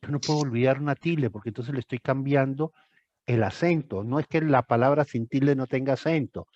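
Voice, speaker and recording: A man's voice: mid-range voice, fairly quick, darkish tone, no room sound. Older male tutor, emphatic and repetitive, dry lo-fi call audio. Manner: emphatic, repeats phrases for stress. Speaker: thesis tutor. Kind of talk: one-on-one tutoring session.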